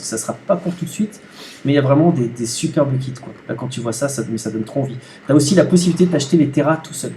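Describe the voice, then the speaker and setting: An aquarium hobby YouTuber hosts a casual unboxing vlog in his home living room, chatty and slangy, often stumbling and restarting sentences. His voice is medium-pitched and dark, with slight background noise.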